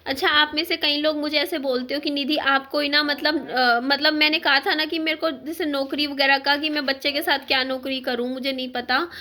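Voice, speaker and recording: A woman chatting casually to her viewers in a rambling vlog, with a sore throat that she clears now and then. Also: sits high, steady tone, normal speed, hardly any pauses, bright, forceful tone. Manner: chatty, rambling, with frequent fillers. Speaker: vlogger. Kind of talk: casual chat to camera.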